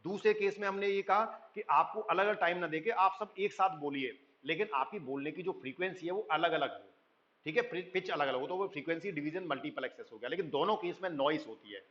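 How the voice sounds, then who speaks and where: A man with a slightly raised voice gives a recorded lecture, explaining step by step and reading English lines from slides slowly. He keeps checking understanding as he goes. The sound is dull and muffled. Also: fairly high pitch, fairly bright tone. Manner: explains in Hindi, reads English lines slowly, frequent "thik hai" checks.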